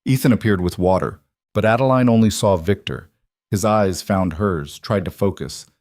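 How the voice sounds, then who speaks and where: Male story narrator, low voice, dry close sound, dramatic reading. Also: moderate pace, darkish tone, no echo. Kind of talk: scripted narration.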